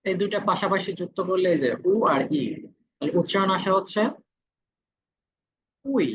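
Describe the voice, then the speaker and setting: A man's voice: high-pitched, noisy background. Patient male teacher, muffled lo-fi audio. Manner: patient, repeats each vowel sound slowly. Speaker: Korean language teacher. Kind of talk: classroom lesson.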